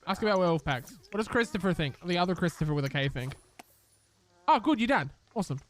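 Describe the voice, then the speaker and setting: A man's voice: sits high, lively intonation, fast, slight background noise. A man giving casual live-stream commentary while playing a game, chatty and upbeat, talking to his chat and to the characters.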